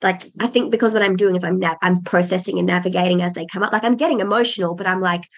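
A woman's voice: lowish voice, steady tone, fast talker. A pregnant woman in her thirties, a podcast guest talking casually, earnest and reflective with many restarts. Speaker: podcast guest, birth doula. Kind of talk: casual interview chat. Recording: dull lo-fi audio.

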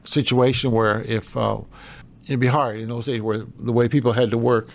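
A man's voice: mid-range voice, flat delivery, moderate pace, gravelly. A middle-aged or older man co-hosting a local news show, informal and plainspoken, reading notices and chatting with hesitant asides.

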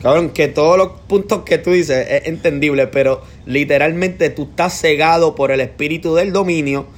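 A man's voice: a little high, moderate pace. A young man with a Puerto Rican accent, co-hosting a podcast, joking and swearing constantly. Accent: Puerto Rican Spanish. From Puerto Rico. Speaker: podcast co-host. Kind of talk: casual chat.

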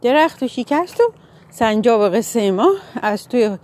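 A woman casually telling a children's story, pausing to explain animal names in English. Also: on the high side, expressive, a little mellow. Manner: casual, informal, with fillers and self-corrections.

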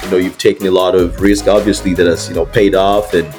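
A man's voice: sits low, little pitch movement, a little fast, music in the background. A man hosting a podcast, speaking enthusiastically and casually with lots of "you know" fillers. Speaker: podcast host. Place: remote call while traveling.

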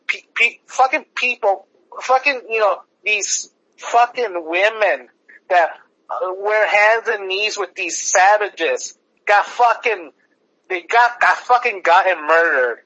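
A man calling in over the phone, ranting furiously and swearing, with bursts of shouting. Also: high-pitched, slow. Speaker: caller. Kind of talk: angry phone rant. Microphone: phone on speaker. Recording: lo-fi phone line.

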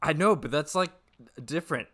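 A man's voice: fairly high pitch, lively intonation, normal speed, fairly bright tone, no room sound. A man co-hosting a podcast in casual chat, easygoing, who says his th sounds as f or v. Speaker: podcast co-host.

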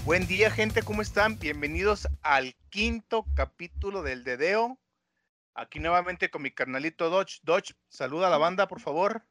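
A man's voice: high voice, lively intonation, moderate pace, sharp tone, soft background music. A man with a Mexican accent hosting a podcast in casual, slangy banter. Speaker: podcast host.

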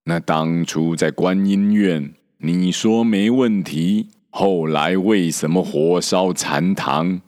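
A man voicing a gentle but stubborn old male monk in a storybook reading, measured and reproachful. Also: low-pitched, big-room sound. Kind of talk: storybook character voice.

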